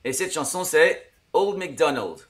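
A man's voice: fairly high pitch, lively intonation, a little slow, fairly bright tone. Patient man teaching english. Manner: patient, explaining, chuckles. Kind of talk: casual lesson.

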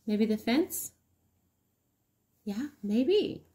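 A woman teaching a counting lesson to young children, encouraging and sing-song, asking questions and pausing for answers. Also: fairly high pitch, animated, warm tone. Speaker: early-years teacher hosting an online circle time.

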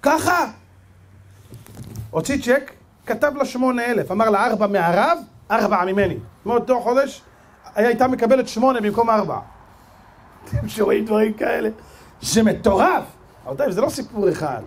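A man with an Israeli Hebrew accent, a rabbi giving a sermon full of stories and acting out the dialogue. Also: high voice. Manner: animated storyteller, acts out dialogue. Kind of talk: sermon with storytelling.

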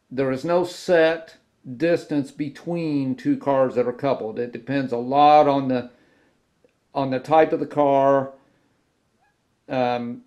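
A man's voice: medium pitch, a little mellow. A man hosting a casual hobby tutorial about model railroad cars from his workbench, talking unhurriedly with frequent restarts and fillers. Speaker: model railroad video host. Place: indoor workbench with model trains.

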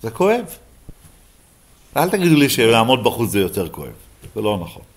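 A man's voice: mid-range voice, big pitch swings. A rabbi giving a Bible lesson to a live class, who keeps asking his listeners questions and then answering them himself.

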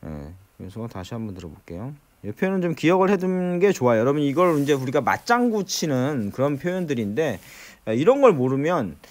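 In a recorded lecture, a man with a Korean accent teaches English, explaining things step by step. He slows down to repeat each English phrase. His voice is mid-range and a little mellow.

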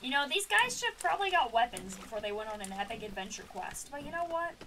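A woman's voice: a little high, sing-song, fast. A young woman streaming a game, chatting casually and reacting aloud with amused comments. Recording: distant mic with clear noise.

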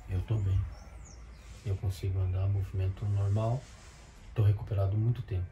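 A man plays a recovered husband who throws out his gold-digging wife, confiding softly at first and then shouting. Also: on the low side, a little hiss or hum, natural voice. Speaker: actor in a homemade web drama. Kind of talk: amateur melodrama acting. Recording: roomy echo, faint ambience.

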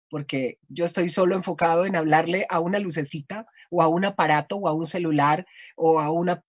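A middle-aged Colombian woman with an Antioquian accent, explaining voice and breath in an expressive, teacherly way over a video call from home. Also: deep voice, husky, no echo, studio quality. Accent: Colombian Antioquian Spanish. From Colombia, Antioquia region. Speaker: voice-over artist and voice coach guest. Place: home room with bookshelves. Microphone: video call webcam.

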